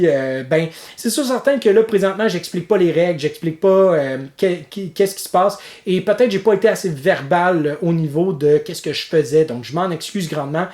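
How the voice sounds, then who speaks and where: A man's voice: fairly high pitch, a little mellow. A man with a Quebec French accent, talking casually about board games in a vlog, stumbling through fillers and restarts. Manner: hesitant, many fillers and restarts. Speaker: board game vlogger. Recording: roomy echo.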